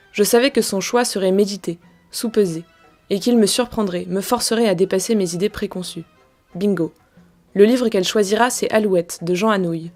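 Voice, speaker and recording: Woman podcast host, scripted introduction, affectionate, faint music underneath. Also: mid-range voice. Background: soft music.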